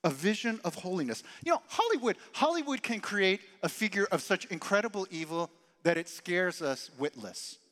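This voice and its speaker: A man preaching a sermon as pastor, emphatic and animated, sometimes dropping his voice very low and soft. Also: moderate pace, long reverb tail. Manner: animated, emphatic preaching with dramatic drops to quiet.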